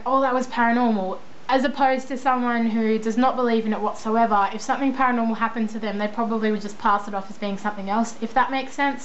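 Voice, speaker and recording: Young Australian female vlogger, high voice, informal and rambling, dull lo-fi recording. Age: young adult. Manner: rambling, self-deprecating, informal. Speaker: vlogger answering viewer questions. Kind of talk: casual chat. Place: indoors at a computer. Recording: dull lo-fi sound, faint background noise.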